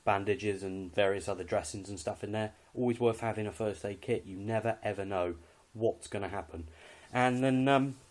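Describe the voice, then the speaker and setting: Speaking at a moderate pace with few pauses, this hobbyist presenter has a lowish, darkish-toned voice and a British accent. He walks through his gear casually and without a script, in an understated, matter-of-fact way with a slight hesitancy.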